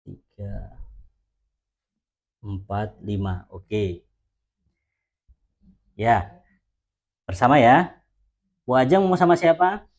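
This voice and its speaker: A male teacher leads a language lesson. He explains patiently and often repeats himself, sounding out example phrases slowly so his students can follow. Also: medium pitch, fairly even intonation, a little mellow.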